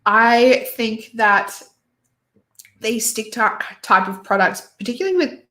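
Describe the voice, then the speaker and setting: A beauty YouTuber hosts a casual livestream reviewing new releases, her voice on the high side, steady, slow, pushed and bright in a roomy space. She's opinionated and rambling, full of fillers and restarts, and she has hiccups and keeps sneezing.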